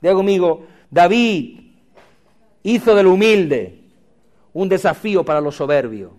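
A man's voice: sits high, expressive, unhurried, a little mellow. A male pastor delivering a dramatic sermon, with humorous asides and lines the congregation repeats back. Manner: dramatic, calls for congregation responses.

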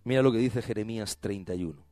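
A man preaching a sermon, moving from soft teasing asides to loud cries and asking the congregation to repeat after him. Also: fairly low pitch, quick pace, no echo. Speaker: pastor.

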